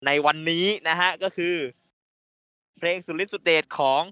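A man's voice: fairly high pitch, normal speed, sharp tone, smooth, no room sound, dull audio. A man hosting a casual podcast chat, joking and swearing casually. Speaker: podcast host.

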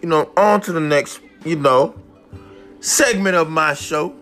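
A man hosting a mock talk-radio show, ranting excitably and repeating himself with lots of "like.". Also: fairly high pitch, unhurried, soft background music. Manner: excitable, repetitive, peppered with "like". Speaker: host of a homemade radio-style show.

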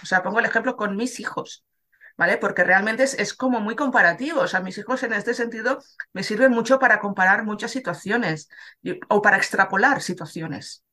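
Explaining woman guest, mid pitch. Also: fairly bright tone. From Spain. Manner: explanatory, checks in often with "¿vale?". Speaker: dog trainer, guest. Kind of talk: casual chat.

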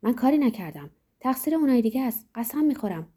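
Young guy begging fast and frantic, read by a woman, higher and louder, husky. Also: very animated. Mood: frantic pleading. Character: panicked young man, begging, sobbing.

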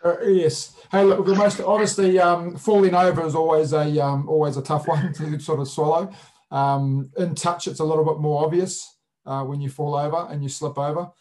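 A man's voice: fairly high pitch, steady tone, normal speed, darkish tone. Blunt, jokey man, broad Kiwi accent. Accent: broad New Zealand. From New Zealand. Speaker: sports referee, interview guest. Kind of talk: casual interview chat.

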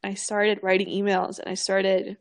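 A young woman co-hosting a podcast, telling stories in a lively, animated way, laughing often and swearing freely. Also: medium pitch, normal speed. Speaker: podcast co-host. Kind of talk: casual podcast chat.

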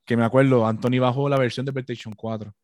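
A man, a co-host on a casual gaming podcast, loud and insistent, talking over the others. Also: mid-range voice, steady tone, fast, no room sound, studio quality.

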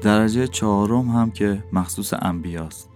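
A man voicing a calm, wise wandering dervish who teaches in a measured way. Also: on the low side, soft background music, close to an everyday voice.

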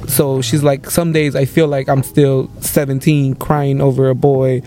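A man's voice: mid-range voice, flat delivery, a little slow, mellow, a little hiss or hum. Rambling man in his mid-twenties. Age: 20s. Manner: rambling, full of filler "like". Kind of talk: casual chat.

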